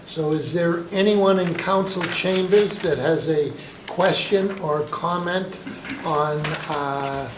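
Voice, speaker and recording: A man chairing a town council meeting, running motions and votes in a brisk, genial procedural way. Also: a little high. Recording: echoey council chamber with background noise.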